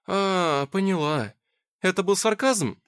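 A man's voice: high-pitched, takes it slowly, smooth, pitched above the performer's own voice, full character voice. A man voicing a bubbly young woman. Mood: excited. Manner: bubbly, excitable. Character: young woman, eager, anxious to please.

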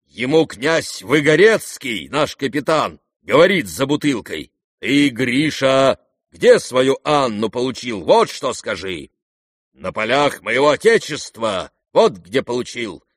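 A man's voice: medium pitch, very animated, slow, no echo, studio quality. A man voicing an old disgraced general in an audiobook, rambling and sentimental, given to theatrical outbursts. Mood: exalted. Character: old drunken disgraced male general, maudlin and boastful. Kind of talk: audiobook character reading.

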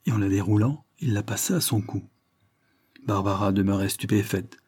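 A man narrating a classic novel in a steady, expressive way. His voice is low and dark, with a husky grain, recorded on a close mic in a dry space. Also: moderate pace, no echo. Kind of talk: audiobook narration.

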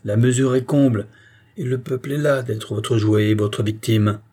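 A man voicing a burly butcher who booms accusations at a king in a storybook reading. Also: fairly even intonation, normal speed, dark tone, husky. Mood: menacing. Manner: booming, accusing, commanding. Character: loud threatening butcher, burly man with a booming voice.

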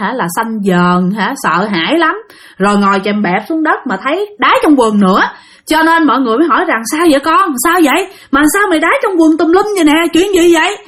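A woman's voice: a little high, fairly bright tone. A woman telling a ghost story in a chatty way, talking straight to her listeners. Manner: chatty, addressing listeners directly. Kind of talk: casual ghost-story narration.

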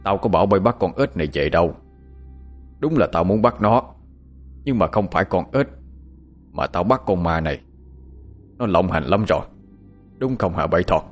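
Man playing a gruff old exorcist. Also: low voice, animated, moderate pace, pauses often, faint music behind. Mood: stern. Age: older. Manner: stern, scolding, chanting spells. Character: gruff, commanding older male exorcist.

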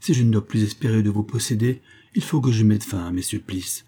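A man's voice: lowish voice, brisk, dark tone, slightly rough. A man reading the part of a bold young cavalier lover, gallant and theatrical, in an audiobook.

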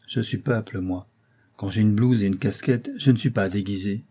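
Earnest young painter, husky and low; a male narrator voices him. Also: normal speed, mellow, close to an everyday voice. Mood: earnest resolve. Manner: earnest, intense, persuasive.

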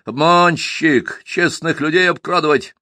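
A man's voice: on the high side, a little slow, sharp tone, no echo, studio quality, pitched above the performer's own voice. A man voicing a shrewd, prosperous merchant who talks in a folksy, wheedling and sometimes stern way.

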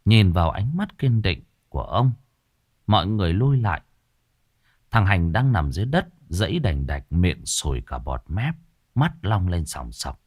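A man narrating a horror story in an expressive, dramatic way. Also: sits low, moderate pace, husky, no echo.

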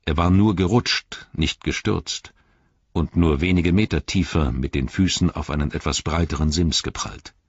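A man narrating an audiobook in a measured, dramatic storytelling manner. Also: a bass voice, husky, dry recording, highs cut off. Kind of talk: scripted narration.

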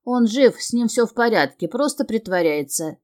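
Woman doing a cold young male dragon mage, arrogant, clipped, mellow storybook voice. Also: on the high side, expressive, normal speed, lightly acted. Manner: cold, curt.

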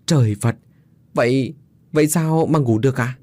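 A man's voice: mid-range voice, normal speed, darkish tone, dry recording, natural voice. A man as an uneasy young uncle. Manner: reassuring, tense.

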